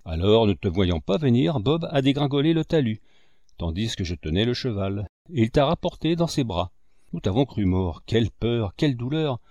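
A man's voice: medium pitch, sing-song, moderate pace, darkish tone, dry recording, highs cut off. A man voicing a loyal, eager young boy in an audiobook, talking earnestly to his friend. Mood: relieved.

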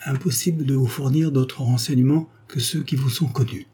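A man's voice: medium pitch, fairly even intonation, normal speed, warm tone, husky, voice pushed up, lightly acted. A man reading aloud, voicing a young head law clerk who speaks in a solemn tone.

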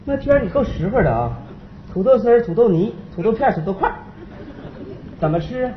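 A man's voice: sits high, expressive, a little hiss or hum. A man playing a cocky, teasing rich farmer businessman in a stage comedy sketch. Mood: bragging. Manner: teasing, quick banter. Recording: echoey stage, slightly dull sound.

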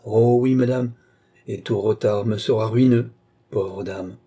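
A man's voice: lowish voice, fairly even intonation, measured pace, mellow, slightly rough. A man voicing an anxious elderly noble widow who pleads her lawsuit, in an audiobook reading. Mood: pleading. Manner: pleading, insistent.

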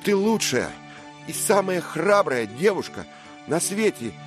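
A man's voice: deep voice, lively intonation, normal speed, faint music behind, voice pushed up. A man voicing a bold, impulsive young squire who speaks in fervent exclamations, in a read-aloud story.

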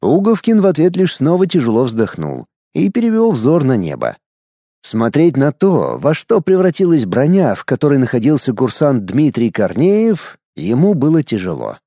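A male audiobook narrator telling the story in a measured, expressive way, with a lively, rising and falling melody. His voice is mid-pitched with a dark, mellow tone, and the recording is dry and close. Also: dry recording.

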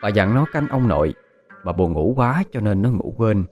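A man's voice: lowish voice, animated, normal speed, a little mellow, faint music behind. A man narrating a dramatic ghost story.

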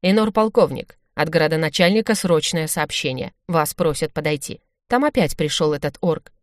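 A woman's voice: sits low, normal speed, no room sound, studio quality, lightly acted. A woman voicing a dutiful male adjutant reporting formally, in a storybook reading.

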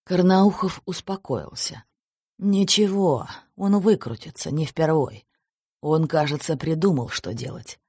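A woman narrating an audiobook in a steady, plain storytelling manner. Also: sits low, measured pace, slightly rough, no echo, studio quality.

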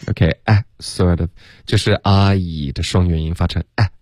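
A man with a deep, low voice works as a pronunciation coach. He corrects sounds patiently and repeats them slowly as models. The recording is dry and close. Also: steady tone, a little mellow, dry recording. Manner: mixes English words into explanations.

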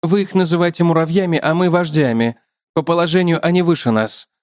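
A man voicing a polite, chatty male spider who calmly lectures a human in a raised voice. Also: fairly high pitch, a little fast, dry recording, clean studio sound, voice pushed up, close to an everyday voice. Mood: courteous. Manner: courteous, matter-of-fact, lecturing.

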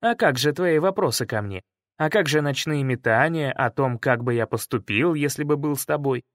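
A man voicing a calm, gentle male spirit who speaks softly and unhurriedly. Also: fairly high pitch, no echo, clean studio sound. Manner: soft, unhurried, gently mocking.

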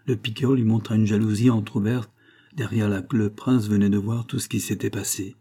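A man reading a classic novel aloud as an audiobook narrator, in a steady, measured storytelling voice. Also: fairly low pitch.

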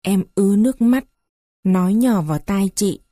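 A woman reading a story aloud in a slow, measured narration. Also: mid-range voice, animated, dark tone, dry recording, studio quality.

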